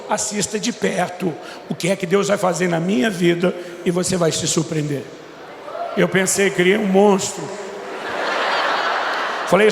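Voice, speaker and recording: High, gravelly-voiced pastor in echoey church. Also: male voice, background noise. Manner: animated storyteller, voices quotes of himself and his son. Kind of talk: sermon with acted-out dialogue. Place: large church hall. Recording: echoey church hall with reverb.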